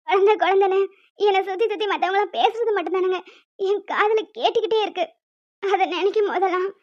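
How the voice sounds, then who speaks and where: A woman voicing a gentle young wife in a cartoon, pleading and sorrowful as she pours out her hurt. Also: very high-pitched, dull audio.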